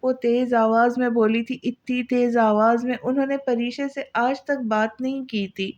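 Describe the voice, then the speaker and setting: A woman's voice: fairly high pitch, steady tone, darkish tone, highs cut off. A woman narrating an Urdu novel as an audiobook in an emotional, dramatic way. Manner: emotional, voices the characters' cries.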